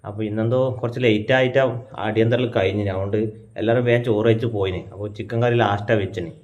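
A man's voice: on the low side, steady tone, quick pace. A young man with a North Malabar Malayalam accent, chatting casually to viewers in a family vlog at home and explaining things as he goes. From Kannur, Kerala. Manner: chatty, explains things to viewers, calls out loudly to his grandmother. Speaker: family vlogger. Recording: dull lo-fi sound.

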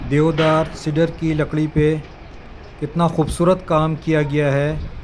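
A man, narrating a travel vlog with measured, admiring commentary. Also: on the high side, darkish tone, a little hiss or hum. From Pakistan. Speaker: travel vlogger.

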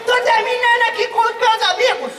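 A woman playing an excitable, naive young boy in a children's stage play, exclamatory and wide-eyed. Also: very high voice, a little fast. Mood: hurried. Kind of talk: exaggerated children's stage acting. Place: outdoor stage at night, filmed from the audience. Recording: distant echoey stage sound with crowd.

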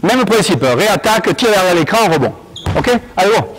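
A man coaching a basketball drill in an indoor gym, calling out commands and explaining moves in an animated, commanding way. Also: sits high, brisk, low-quality recording. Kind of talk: on-court coaching demonstration.

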